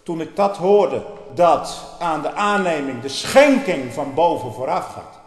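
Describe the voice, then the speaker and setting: A man preaching a fiery sermon, dropping to low murmurs and then bursting out loudly. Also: lively intonation, a little slow. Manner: fiery, swings from low murmurs to loud outbursts. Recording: echoey hall, reverberant.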